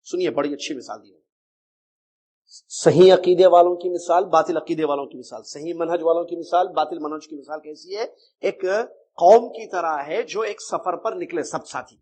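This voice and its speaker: A man's voice: on the high side, a little mellow. A man giving an Islamic creed lecture as a religious teacher, talking in a conversational way and putting rhetorical questions to his listeners.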